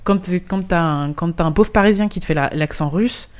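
A woman's voice: on the low side, normal speed, smooth. A woman, a game localization manager, talking as a podcast guest with explanatory chat full of restarts and hesitations. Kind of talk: casual podcast discussion.

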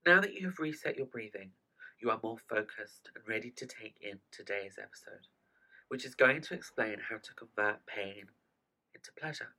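A man hosting a scripted self-help podcast in a theatrical, soothing manner, with hushed, breathy dips in his delivery. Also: fairly low pitch, normal speed, low-quality recording. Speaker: podcast host.

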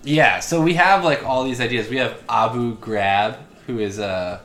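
Speaking a little slowly in a medium, slightly bright voice, this young podcast co-host trades casual banter. He rambles along with lots of fillers, cracking crude jokes at his own expense.

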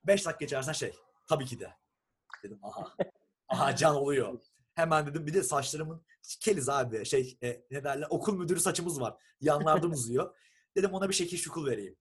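A young man from Turkey, telling a long story in a casual, animated chat and acting out what people said. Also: a little high, fast talker, breathy edge. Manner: animated storyteller who acts out quoted texts and swears casually.

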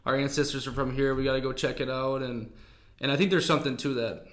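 A man's voice: mid-range voice, little pitch movement, fast talker, a bit bright. Rambling laid-back American man. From United States. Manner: easygoing, rambling, lots of fillers. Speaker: podcast host. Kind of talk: casual interview chat. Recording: echoey room.

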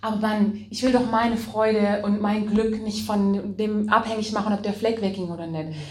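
A young woman preacher telling a personal story in a sermon, lively, acting out what she said and often laughing. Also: mid-range voice, moderate pace. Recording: echoey church hall.

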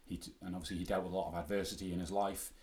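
A man with a deep voice and an Isle of Man accent hosts a sports podcast. He talks in an informal, conversational way, like someone presenting to guests in a studio. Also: flat delivery, rapid-fire, a little mellow, roomy sound. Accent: Manx (Isle of Man). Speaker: podcast host.

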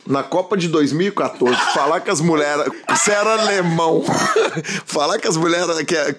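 A man's voice: fairly high pitch, normal speed, heavy background noise. A man hosting a podcast, teasing his guest and prompting him with jokes. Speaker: podcast host. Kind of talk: casual interview chat.

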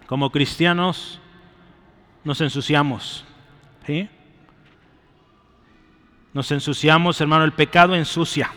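A man's voice: on the high side, sharp tone, clean tone, in a large hall. A man preaching a sermon and closing in prayer, urging his listeners and often checking in with a short "right?" and "brother". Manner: exhorting, often adds "¿sí?" and "hermano" to his phrases.

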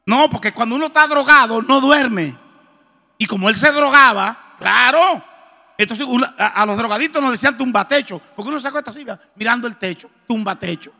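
A middle-aged man preaching a testimony sermon, telling his story in a lively way and acting out the dialogue. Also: very high voice, brisk. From Colombia. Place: church. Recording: reverberant church hall.

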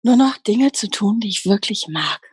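A woman working as a happiness coach, talking earnestly in an interview with many pauses and restarts. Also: mid-range voice, lively intonation, husky, no room sound. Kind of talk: casual interview talk.

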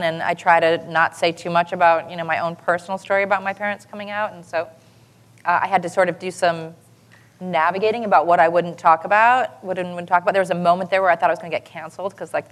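A middle-aged woman talking on a panel in a chatty, animated way, with many fillers and restarts. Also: on the low side. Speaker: show creator on a panel. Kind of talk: casual panel talk.

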